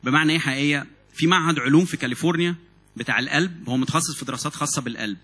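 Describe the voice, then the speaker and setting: A man with an Egyptian Arabic accent preaching a sermon in an animated way, often repeating and restarting words. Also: fairly high pitch, rapid-fire, breathy edge. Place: church meeting hall.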